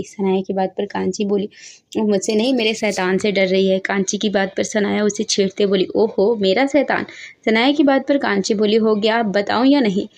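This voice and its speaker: Woman, story narrator, expressive, acts out dialogue, mid pitch. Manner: expressive, shifts voice for each character's lines.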